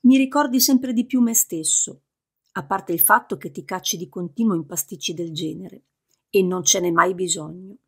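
A woman's voice: on the low side, normal speed, slightly rough. A woman voicing a male oversoul spirit who has taken the form of a wise old man, speaking in an earnest, reassuring way in an audiobook. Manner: earnest, slightly hurt, reassuring.

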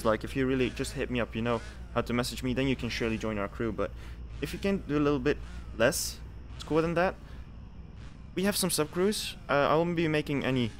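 Streaming live from Belgium, this young man keeps up chatty, casual commentary on his game, repeating phrases and voicing the on-screen text. His pitch is medium, with a bit of hiss or hum on the recording.

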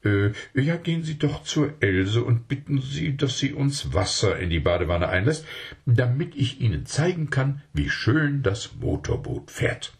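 Ein Mann spricht einen schlauen, überredenden Verkäufer in einer Kindergeschichte, der eifrig um Geschäfte feilscht. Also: male voice, medium pitch, very animated, creaky, pitched above the performer's own voice. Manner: wheedling, fast bargaining talk. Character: smooth-talking male salesman, scheming, persuasive.

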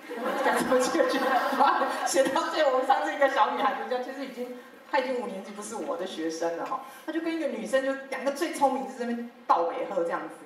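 A woman's voice: fairly high pitch, racing, hardly any pauses. A woman teacher with a Taiwanese Mandarin accent tells classroom stories to other teachers in a workshop talk, playing out her pupils' lines and laughing along. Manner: lively storytelling, acting out pupils' lines with laughter. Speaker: teacher sharing classroom methods. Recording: very echoey hall from far off.

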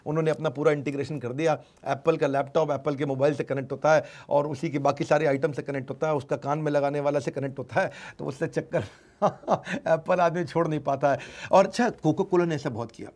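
Male business teacher; lively, emphatic lecturing, pitched a bit high. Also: brisk. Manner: lively, emphatic, acts out customer lines. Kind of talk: informal lecture.

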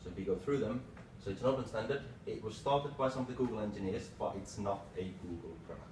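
A man in his thirties giving an informal tech lightning talk in short, halting phrases. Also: lowish voice. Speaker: tech presenter, developer. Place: small meeting room, indoors. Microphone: far camera microphone. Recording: roomy, distant mic with clear background noise.

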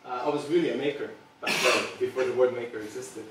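This earnest public talk comes from a product designer in his thirties from Serbia, speaking to a small audience with frequent ums. His medium-pitched voice stays steady at a quick pace. The far camera in the meeting room records a very echoey, very noisy sound.

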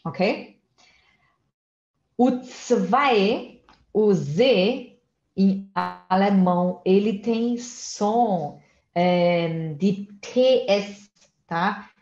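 A woman's voice: medium pitch, a little mellow, reverberant, muffled recording. A woman teaching German in a casual online lesson, spelling out letters and explaining pronunciation step by step.

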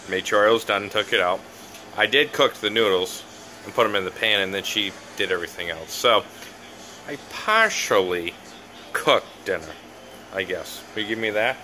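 With a lowish, expressive voice that's bright and forceful, a middle-aged vlogger who drives trucks speaks at a moderate pace to his handheld camera. He chats cheerfully with viewers along the way, and the handheld recording is noisy.

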